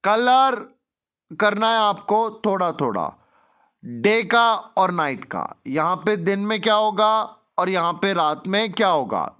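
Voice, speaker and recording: A man from India with an Indian accent tutoring young children, explaining in Hindi, reading English lines slowly and repeating words with quick rhetorical questions. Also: high voice, bright, forceful tone, clear, resonant tone. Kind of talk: worksheet lesson for young children.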